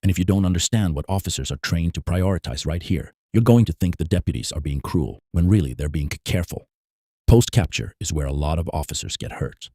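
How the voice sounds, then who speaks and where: A man with a very deep, dark voice walks through police procedure in a measured, emphatic voice-over. The sound is close and completely dry. He stresses key points plainly and firmly. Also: husky, dry recording. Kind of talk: scripted analytical narration.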